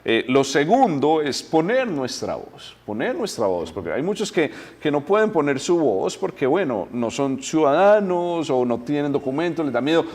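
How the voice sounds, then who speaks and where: A man's voice: a little high, sing-song, normal speed, hardly any pauses, a little mellow. A man, a church delegate on a TV interview, explaining at length with many "eh" fillers and repeated words. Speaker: diocesan delegate, guest. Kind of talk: conversational TV interview.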